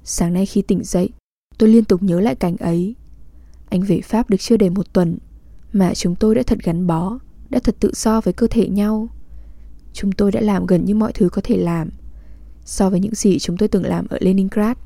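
A woman reads aloud from a literary diary in a calm, measured, intimate way, keeping her tone even and unhurried throughout. Her voice is deeply mellow, dark and gravelly, recorded close and dry with no room sound or echo.

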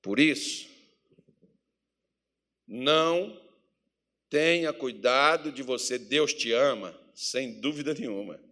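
A Brazilian man preaching a sermon with fervour, moving between loud calls to the congregation and quiet, close tones. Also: takes it slowly, long pauses. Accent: Brazilian Portuguese. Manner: fervent, swings from loud exhortation to low intimate tones.

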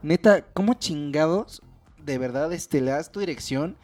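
A man's voice: a little high, unhurried, over music. Slangy Mexican man telling a story. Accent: Mexican Spanish. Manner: slangy, animated storyteller acting out quotes. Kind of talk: casual chat among friends.

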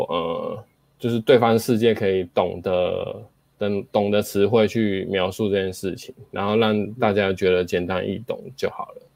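Male host, lower pitch, dry close recording, casual explanatory delivery with spoken demos and fillers. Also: gravelly, a little mellow, no echo. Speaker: host explaining speaking skills.

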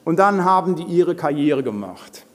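An older man preaching a sermon in a church hall, blunt and forceful in his delivery. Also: fairly high pitch, sing-song, normal speed.

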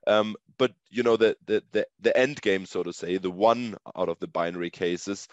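A man with a fairly low voice speaks in a muffled, echoey recording. He answers interview questions as a company founder, explaining things conversationally and often tagging his points with a questioning "right?". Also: moderate pace. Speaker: startup co-founder being interviewed. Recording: muffled lo-fi audio, echoey room.

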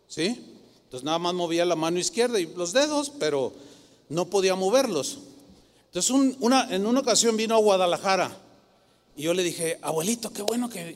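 A man in his sixties preaches from the pulpit in a high, bright voice. He tells his stories with lively animation and slips into the voices of their people. His words ring out with a long church reverb behind them. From Mexico. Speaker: pastor. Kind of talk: sermon. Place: church sanctuary.

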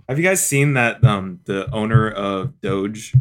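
A man's voice: on the low side, measured pace. A young man co-hosting a podcast, chatting casually with his friends. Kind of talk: casual chat.

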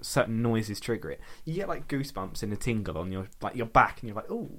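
Lively chatty man. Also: fairly low pitch, quick pace. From Essex, England. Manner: chatty, rambling, uses "like" constantly. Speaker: podcast co-host. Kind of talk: casual chat.

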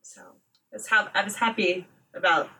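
A woman's voice: mid-range voice, fairly even intonation, normal speed, bright, forceful tone, recorded from a distance, a little hiss or hum. A woman co-hosting a podcast, chatting casually about a TV show and laughing easily. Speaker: podcast co-host. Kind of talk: casual chat recapping a TV show.

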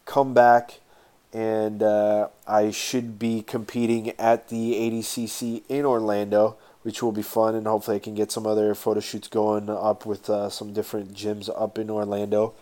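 A man with a lowish voice and very little rise and fall talks casually as a podcast host. His nose is stuffed up from a sinus cold, so he sounds congested and breathes through his mouth as he speaks. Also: completely flat delivery, normal speed, warm tone. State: stuffed-up nose, getting over a sinus infection. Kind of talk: casual solo podcast talk with sponsor plugs.

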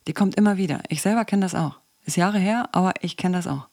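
Brief: middle-aged woman coach, conversational podcast monologue, low and dry. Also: quick pace, darkish tone, dry recording. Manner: conversational, asks the listener questions. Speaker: psychologist and coach, podcast host.

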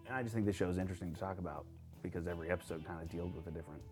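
Man in his 30s, podcast host, relaxed and low-voiced. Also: very fast, faint music behind. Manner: relaxed, easygoing, thinks aloud. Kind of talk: casual chat.

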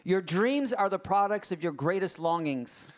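A man preaching a sermon in short phrases, pausing after each for his interpreter. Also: sits high, animated.

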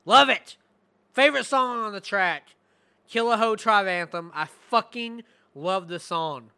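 A man giving a casual, profane album review, rambling and slipping into rapped lyrics, his voice going hoarse. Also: high-pitched, a little slow, pushed and bright, dry recording, studio quality. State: losing his voice.

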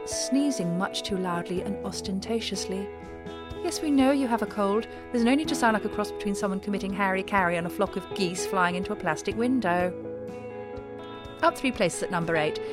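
A middle-aged woman hosts a scripted comedy podcast with a dry, exasperated delivery. Her pitch sits mid-range, and clear music plays under her voice. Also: expressive, normal speed. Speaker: host. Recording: music bed behind the voice.

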